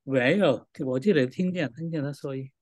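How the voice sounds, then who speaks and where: Man, venue staff, hesitant speech, fillers, slightly high voice. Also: moderate pace, a little mellow. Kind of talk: casual exchange.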